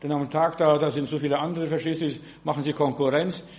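A man giving a sermon in a folksy, halting way, often asking "verstehst du" and restarting words. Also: on the high side, steady tone, darkish tone. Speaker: preacher.

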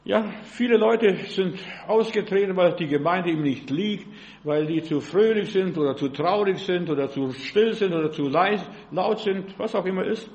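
A man's voice: high voice, normal speed, a little mellow, muffled recording. An older man preaching as a pastor, emphatic and peppered with rhetorical questions to his listeners. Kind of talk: sermon.

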